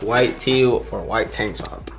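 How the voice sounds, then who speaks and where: A young man chatting casually on camera in a vlog, laid-back and full of slang like "yo", with a gravelly voice. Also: lowish voice, takes it slowly. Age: young adult. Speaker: friend in vlog. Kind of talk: casual chat. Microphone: handheld camera.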